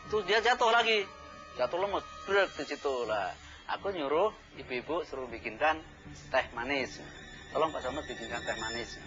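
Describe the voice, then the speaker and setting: Animated man retelling a tense scene. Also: fairly high pitch, moderate pace. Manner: animated, acts out the dialogue he retells. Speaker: neighbor witness. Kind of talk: recounting events in an interview. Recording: dull lo-fi TV audio with music. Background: music.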